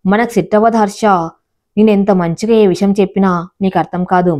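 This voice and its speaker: Storybook wife, young, wounded, plaintive and earnest, in the narrator's own voice. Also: female voice, medium pitch, fairly even intonation, fairly quick, dark tone, lightly acted. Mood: hurt. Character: young wife, hurt and tearful.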